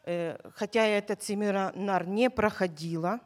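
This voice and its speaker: A woman from Ukraine telling a personal church testimony in short, halting phrases with many hesitations, pausing for an interpreter. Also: mid-range voice, soft background music. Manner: hesitant, many filler sounds. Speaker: church member giving a testimony.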